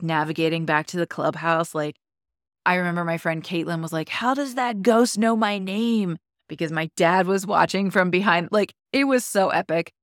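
Woman, podcast co-host, enthusiastic, lower voice, dry recording. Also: a bit bright, smooth, no room sound. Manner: chatty and enthusiastic, many likes. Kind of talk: casual chat.

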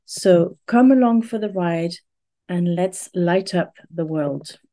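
A woman's voice: lowish voice, slow pace, warm tone. A woman hosting a spirituality podcast, welcoming listeners and introducing her guest with some restarts. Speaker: podcast host. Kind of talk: podcast interview.

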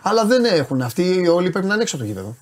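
A man's voice: high voice, very animated, crowd noise. A man hosting a sports talk show in casual studio banter, teasing and sarcastic with his co-host.

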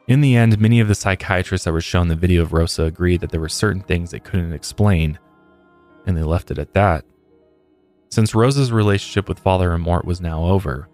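A man hosting a podcast, reading a scripted story and then chatting loosely with his co-host. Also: low voice. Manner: steady storytelling, loose in chat. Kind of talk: scripted narration then casual chat.

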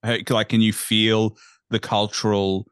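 A man with a notably low voice hosts a casual podcast interview. He asks searching, thoughtful questions and reflects at length. The recording is dry and close. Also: little pitch movement, unhurried, clean tone, no room sound. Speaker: podcast host.

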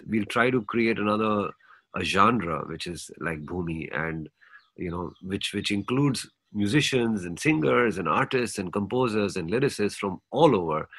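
A man's voice: low voice, a bit bright, no echo. A man with an Indian accent answering interview questions as a musician guest, thoughtful and hesitant, in short bursts.

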